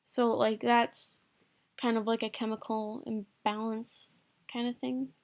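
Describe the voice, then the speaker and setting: A woman's voice: a little high, level tone, takes it slowly, a little mellow. A woman giving loose, rambling advice to camera late at night, packed with "like" and casual swearing. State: sleepy, yawning late at night.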